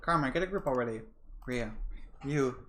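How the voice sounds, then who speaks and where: A man's voice: medium pitch, animated, normal speed, a bit bright, lightly acted. A man voicing a stubborn young woman who bluntly urges her friend on. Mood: urging. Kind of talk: voicing a game character.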